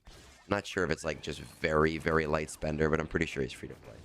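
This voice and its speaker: Streaming a game, a fast-talking man with a bass voice and a fairly bright tone keeps up rambling, joking chat. His voice has a morning scratchiness to it in this casual live-stream talk.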